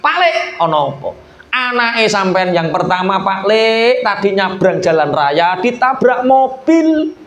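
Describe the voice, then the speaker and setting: Man acting urgent young Javanese nephew, high insistent voice, echoey. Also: very animated, measured pace, a bit bright, exaggerated voice.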